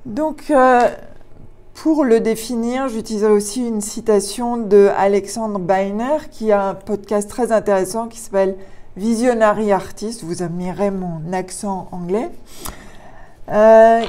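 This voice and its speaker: A woman's voice: mid-range voice, dark tone. A woman giving a museum lecture on art history, hesitant, with many fillers and restarts.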